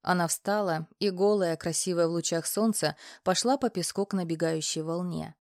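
A woman reading a story aloud as an audiobook narrator, in an even, unhurried storytelling manner. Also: fairly low pitch, no echo, studio quality. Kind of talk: scripted narration.

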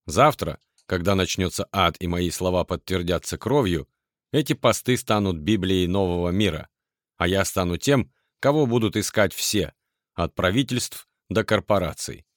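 Deep-voiced man narrating a story. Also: lively intonation, normal speed, dry recording, studio quality. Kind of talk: first-person audiobook narration.

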